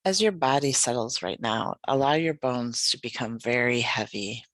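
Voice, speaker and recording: A yoga nidra guide leads a guided meditation, speaking gently, soothingly and without hurry. The pitch is medium and there's no echo.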